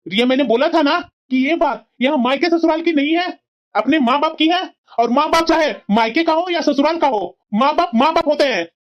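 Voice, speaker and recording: A woman's voice: high-pitched, brisk, close to an everyday voice. A woman voicing a stern young husband in a cartoon family drama, lecturing firmly and with reproach. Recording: dull lo-fi sound.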